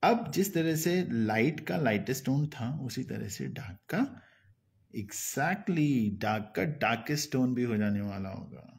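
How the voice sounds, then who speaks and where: A man's voice: mid-range voice, expressive, measured pace. A man teaching a live online drawing lesson, who explains patiently, repeats his phrases and keeps asking viewers "right?", with faint music in the background.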